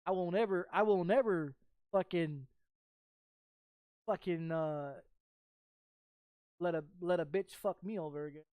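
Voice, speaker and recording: A Texas woman in her thirties streams games and chats in a casual, rambling way, blunt and sweary, looping back over the same phrases. Her fairly low, warm voice moves a little slowly with frequent pauses, and the recording is dry.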